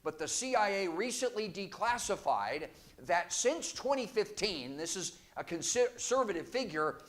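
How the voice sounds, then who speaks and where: A man preaching a sermon from the pulpit of a church, forceful, with sarcastic asides. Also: high voice, very animated, moderate pace. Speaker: guest preacher.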